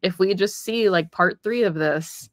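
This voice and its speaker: Low-voiced woman chatting football. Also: a little slow, dry recording, clean studio sound. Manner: conversational, frequent "like" fillers. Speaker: podcast co-host. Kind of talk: casual sports chat.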